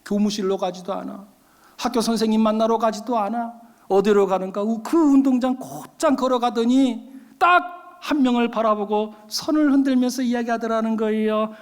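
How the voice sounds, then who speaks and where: A man preaches from the pulpit with a notably high-pitched voice, telling a story with animation and turning often to address his listeners. His words ring out with a long reverb in a church sanctuary. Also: moderate pace. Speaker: pastor. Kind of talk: sermon.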